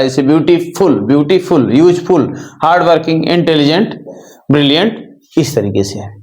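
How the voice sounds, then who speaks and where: A man's voice: fairly high pitch, darkish tone. A man teaching English grammar in a lesson, repeating each point and asking rhetorical questions as he writes. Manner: repetitive, checks in with "ठीक है" and rhetorical questions. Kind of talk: classroom lesson explaining grammar.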